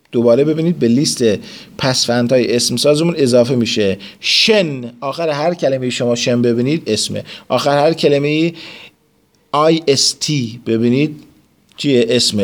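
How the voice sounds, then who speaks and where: A man teaching an English lesson. He explains word forms step by step, reads the English phrases slowly and then translates each one. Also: medium pitch. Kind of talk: classroom vocabulary lesson.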